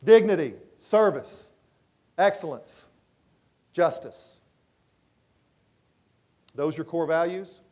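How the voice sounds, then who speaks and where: A man speaks from a conference stage through a microphone, giving a motivational keynote. He tells stories in an animated way, acts out the dialogue and repeats his key points. His voice sits high for a man. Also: slow, pauses often.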